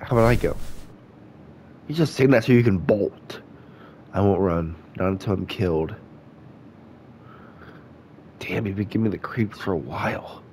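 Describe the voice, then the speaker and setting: A gaming YouTuber with a stuffy nose speaks in a lowish, darkish voice at a moderate pace, leaving long pauses. Playing casually, he reads the game's lines in his own voice and adds chatty asides, with a little hiss or hum in the recording.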